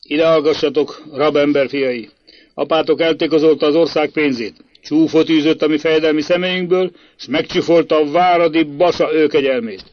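A man voicing an angry, stern prince who scolds loudly and commands. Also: a little high, steady tone, natural voice. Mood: stern scolding. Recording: dull lo-fi dry recording.

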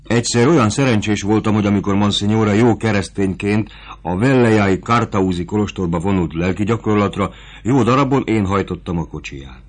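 Brief: narrator playing a boastful, shabby coachman, a low everyday voice. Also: close to an everyday voice. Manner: chatty, proud, devoted. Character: boastful shabby former coachman around thirty.

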